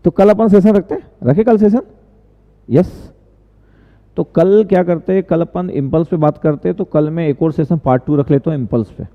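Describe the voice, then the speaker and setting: A man's voice: a little high, moderate pace. Man teaching over tinny echoey audio. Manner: chatty, answers chat questions, repeats phrases. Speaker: online tutor. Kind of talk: casual live-stream teaching.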